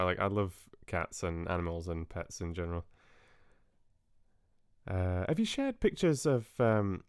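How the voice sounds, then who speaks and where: Here a man on the low side of pitch, a little mellow and smooth, hosts a stream and chats casually with viewers. He sounds friendly yet hesitant, trailing into asides, over a dry, clean studio recording.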